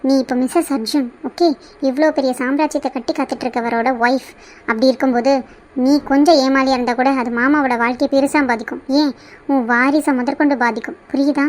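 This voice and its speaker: A woman's voice: sits high, fairly even intonation, fast, lightly acted. A woman voicing a scheming, bossy mother in a cartoon, lecturing and insistent. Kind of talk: cartoon voice acting.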